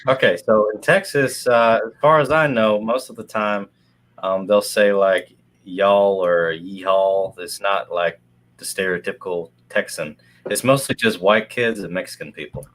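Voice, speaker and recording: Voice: low-pitched, measured pace, a bit bright. A call-in guest on a casual livestream, making dry, wry remarks.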